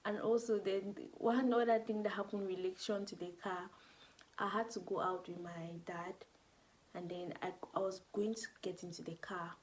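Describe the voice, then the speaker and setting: A young woman from Cameroon with a Cameroonian accent, chatting casually to her camera in a slangy, animated way. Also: medium pitch, normal speed, poor audio. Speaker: YouTuber. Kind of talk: casual vlog talk to camera.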